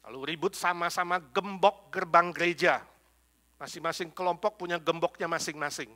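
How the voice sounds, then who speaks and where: A man from Indonesia preaches in church, telling lively stories and acting out the people in them. His voice is bright and clear, pitched a little high for a man. He swings from quiet, soft-spoken asides to loud bursts. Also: normal speed. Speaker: pastor. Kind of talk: sermon with prayer. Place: church sanctuary.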